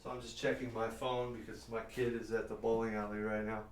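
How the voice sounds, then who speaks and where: A middle-aged man with a lowish, level voice talks fairly quickly as he works in a warehouse workshop, rambling casually and answering viewers on a live stream. The mic is at a distance, giving a roomy sound with slight background noise.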